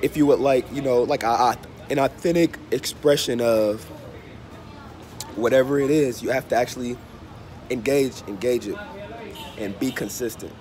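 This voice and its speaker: This medium-pitched, slightly mellow voice comes from a man in his thirties who's congested and under the weather, chatting unhurriedly to camera for a travel vlog and repeating phrases. His phone is held at arm's length in a noisy open-air hostel bar or cafe with street and vehicle sounds.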